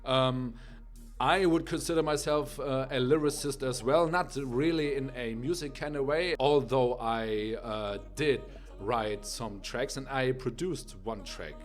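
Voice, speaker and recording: Hosting a casual music reaction video, a young German man speaks English, not his native tongue, with a German accent. His pitch is medium and his pace measured. Rambling and full of fillers, he keeps tossing in "right?"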